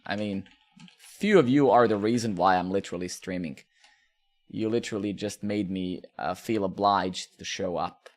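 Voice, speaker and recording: A man's voice: deep voice, normal speed, darkish tone. A man in his thirties from Serbia, chatting casually with viewers while live coding, rambling with fillers, swearing and asking "right?". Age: 30s.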